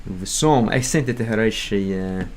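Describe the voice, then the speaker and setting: There's slight background noise behind this man's low, darkish voice, which runs at a normal speed. A young American on a casual stream, he hesitantly fumbles his beginner Russian, correcting himself and filling gaps with lots of fillers and restarts.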